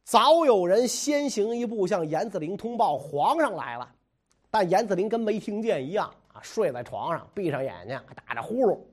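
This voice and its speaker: A man's voice: sits high, very animated, moderate pace. Chatty man telling history. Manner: chatty, jokey, colloquial. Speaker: storyteller. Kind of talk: casual history storytelling.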